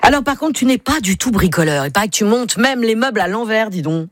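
A woman co-hosting a radio game show, chatty and teasing, with quick joking asides. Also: on the high side, expressive, no room sound, studio quality.

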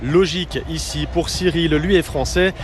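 A male field reporter narrates a news piece in a slightly raised, crisp voice. Outdoor traffic and street noise sit clearly behind him. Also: a little high, steady tone, normal speed.

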